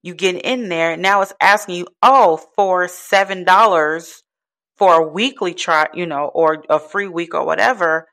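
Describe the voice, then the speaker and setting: A woman's voice: lowish voice, measured pace, fairly bright tone. A young adult woman venting in a casual monologue, blunt and frustrated, swearing freely. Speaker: vlogger.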